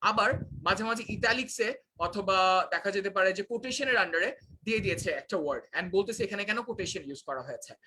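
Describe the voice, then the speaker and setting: A man's voice: high voice, sharp tone, a little hiss or hum, low-quality recording. A young man teaching a live online class, switching between Bangla and English with frequent filler sounds.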